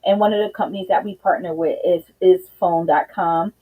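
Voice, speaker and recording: A woman's voice: fairly low pitch, steady tone, fairly quick, husky, narrow, tinny audio. A woman hosting a live business show, talking casually and directly to viewers, a little out of breath. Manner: chatty, addresses viewers directly with "you guys". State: slightly out of breath. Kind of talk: casual live-stream talk.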